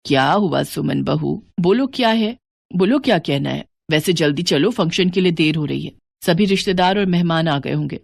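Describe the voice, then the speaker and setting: A woman voicing a widowed older mother-in-law who talks slowly in a lowered voice. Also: expressive, gravelly, dry recording, full character voice. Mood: impatient.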